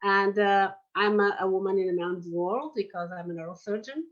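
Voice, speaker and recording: Giving an online lecture presentation on oral surgery, a woman from Portugal in her forties speaks at normal speed and medium pitch with a Portuguese accent, hesitating often and using many fillers. The audio is lo-fi with a noisy background.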